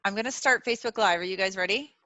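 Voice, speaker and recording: A woman hosts an online webinar in a relaxed, chatty way, filling her talk with "like" and "you know" as she reassures her guests. Her voice is bright and lively. The sound is dry and close, as on a video call. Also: mid-range voice, fast talker, no echo. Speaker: webinar host. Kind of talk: casual chat.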